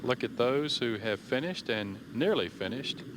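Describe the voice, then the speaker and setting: A man giving measured, understated live golf commentary in short phrases. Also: medium pitch, expressive, noisy background.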